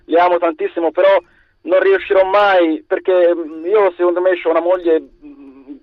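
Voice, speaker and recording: A man with a Moroccan accent calling a radio phone-in, speaking spontaneously and haltingly, restarting his phrases. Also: sits high, fairly even intonation, dry recording. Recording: dull, band-limited phone line.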